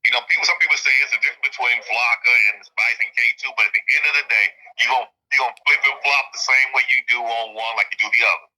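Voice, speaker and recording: A man's voice: mid-range voice, fast, few pauses, sharp tone. A man with an Alabama Southern accent giving candid, emphatic interview answers over a phone line, often repeating himself for stress. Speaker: prison inmate being interviewed.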